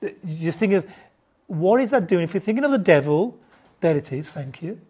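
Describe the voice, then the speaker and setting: Warm, husky and animated, a fairly low-pitched female voice leads a group through an informal Bible lesson at a fairly quick pace. The teacher keeps stumbling into restarts and often turns to the listeners with questions.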